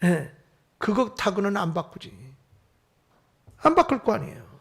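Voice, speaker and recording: A man, a senior pastor, preaching a Sunday sermon at a church service. He swings from emphatic raised calls to hushed whispers and puts rhetorical questions to his congregation. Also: high voice, big pitch swings, a little slow, gravelly, slightly rough.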